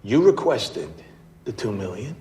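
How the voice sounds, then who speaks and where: A man's voice: fairly low pitch, sing-song, a little slow, warm tone. An actor playing a stern man speaking reproachfully.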